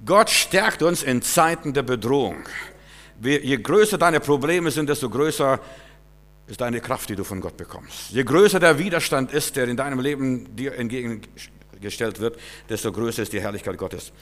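Middle-aged man, pastor's sermon, emphatic, loud bursts then low asides, long hall reverb. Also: animated, moderate pace.

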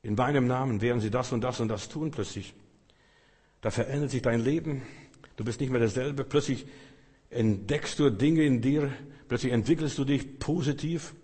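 A husky-voiced man delivers a fervent sermon, his voice ringing through a large hall with a long echo. He swings between plain teaching and loud acted-out cries for help. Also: medium pitch, normal speed. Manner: emphatic, acts out prayers and cries loudly. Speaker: preacher.

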